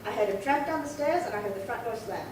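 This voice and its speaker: A woman voices a fussy, prim old lady in her late seventies for a 1950s-style radio crime drama, chatty, indignant and rambling as she earnestly recounts events. She speaks quickly in a fairly high, natural voice with lively intonation, captured in a very echoey, distant, noisy room.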